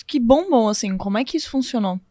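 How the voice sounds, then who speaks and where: A woman with a Brazilian accent hosting a podcast, asking her guest questions in a relaxed, conversational way. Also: a little high, quick pace, no echo, studio quality. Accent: Brazilian Portuguese. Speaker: podcast host. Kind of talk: interview questions.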